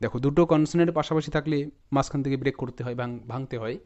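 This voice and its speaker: A man's voice: medium pitch, darkish tone, clean tone, dull audio. Patient Bengali man teaching spelling. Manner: explains patiently, breaking words into parts and repeating them slowly; talks straight to viewers, often checking in with "okay?". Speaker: English teacher. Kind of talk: spelling and pronunciation lesson.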